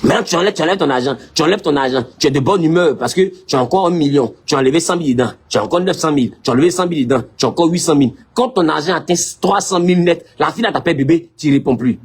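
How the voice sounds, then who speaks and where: A male pastor with an Ivorian French accent, preaching a lively sermon and teasingly scolding his listeners. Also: a little high, rapid-fire, few pauses, a little hiss or hum.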